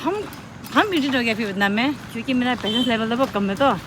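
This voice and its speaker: A young woman tells a rambling personal story in a casual vlog, her voice sitting a bit high. She repeats lines and plays out each quote as she goes. Traffic and street noise run clearly behind her in this outdoor recording. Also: animated, fast talker. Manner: chatty, repetitive, acts out the quotes. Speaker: vlogger.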